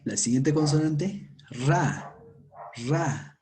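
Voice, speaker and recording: A man teaching a language lesson, saying each sound and word slowly and repeating it for learners to copy. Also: a little high, lively intonation, darkish tone, a little hiss or hum. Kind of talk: slow pronunciation lesson.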